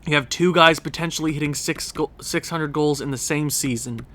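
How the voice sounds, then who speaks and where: A young gaming YouTuber with a stuffed-up, congested voice narrates a hockey management game for his channel in casual gameplay commentary. He sounds fairly high, a bit bright, and a little fast, chatting, rambling, and correcting himself.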